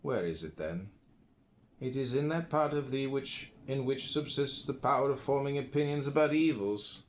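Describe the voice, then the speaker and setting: Reading philosophical text aloud like an audiobook narrator, this man from the United States has a mid-pitched, animated voice and uses deliberate, emphatic phrasing broken up by pauses. A little background noise can be heard.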